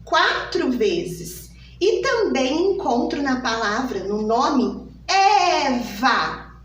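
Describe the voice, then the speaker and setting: Lady teacher for little kids, high lively voice, draws words out slow, echoey room mic kinda far off. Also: slight background noise. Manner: slow, sing-song and exaggerated, stretching out each word for small children. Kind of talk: children's phonics lesson.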